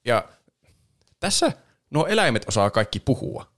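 A man's voice: medium pitch, big pitch swings, fairly bright tone. A man hosting a podcast, chatting casually about a film, laughing often and now and then imitating voices. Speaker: podcast host. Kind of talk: casual chat reviewing a film.

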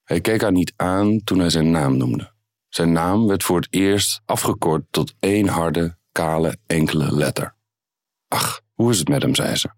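A man reading his own crime story aloud in a calm, measured way. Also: low voice, no room sound, studio quality.

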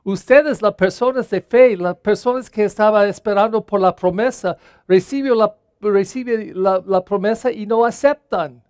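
A man's voice: high-pitched, a little slow, a little mellow, clean tone, no echo, studio quality. A man, a parish priest, preaching a Sunday homily in an earnest way and repeating phrases for emphasis.

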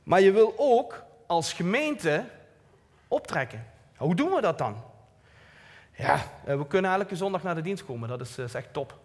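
In a church hall thick with long reverb, a man with a Limburg Dutch accent delivers an earnest, informal church talk as a lay preacher, speaking plainly and poking gentle fun at himself. He has a high voice with big pitch swings and a normal speed.

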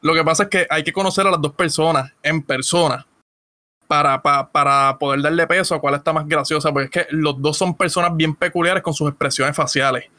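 Bright man chatting. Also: fairly high pitch, fairly even intonation, brisk. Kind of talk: casual chat.

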